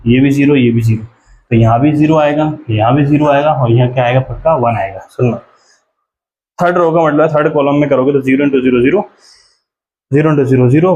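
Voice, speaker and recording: A male maths teacher works through a problem at the board in a room with faint ambience behind him. He explains step by step and keeps asking the class questions that he answers himself. His pitch sits mid-range, and he slows right down while writing. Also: a little mellow, slight background noise, rough recording. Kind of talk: whiteboard maths lesson.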